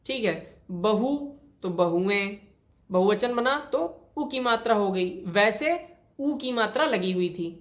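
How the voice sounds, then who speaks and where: A woman's voice: medium pitch, lively intonation, slow pace. Woman teaching a grammar lesson. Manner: explains step by step with many examples and repeats rules. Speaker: Hindi teacher. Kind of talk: classroom lesson on spelling.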